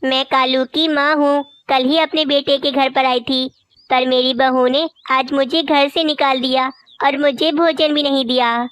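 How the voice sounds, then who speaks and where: A pleading, complaining old mother crow from a cartoon, voiced by a woman. Her voice sits high and comes across dry and close. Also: fairly even intonation, a little slow, fairly bright tone, no echo. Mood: plaintive. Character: old female crow mother-in-law, meek and tearful. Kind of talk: cartoon voice acting.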